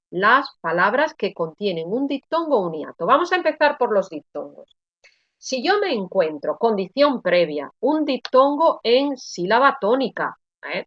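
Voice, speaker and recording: Woman teaching slowly, close dry sound. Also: medium pitch, fairly bright tone, no echo. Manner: slow, careful word-by-word pronunciation drills; explanatory, addresses students with frequent "¿eh?". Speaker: Spanish teacher. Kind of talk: online grammar lesson.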